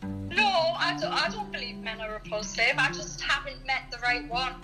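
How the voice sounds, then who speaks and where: A woman in her early thirties from Newcastle, England, chats candidly and earnestly about herself in an English accent. Her voice is high and animated, at a normal speed, with music playing in the background.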